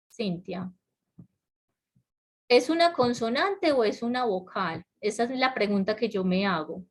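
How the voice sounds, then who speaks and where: Woman teaching an online class. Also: a little high. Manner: explains patiently, asks the class questions, laughs lightly. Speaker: English teacher. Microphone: computer mic on a video call.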